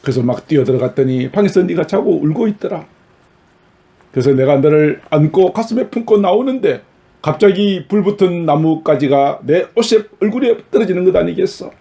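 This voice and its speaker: A pastor playing a loving mother who was scarred by fire, telling her story in a gentle, pleading way. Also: on the high side, lively intonation, normal speed, gravelly, voice pushed up. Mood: tender.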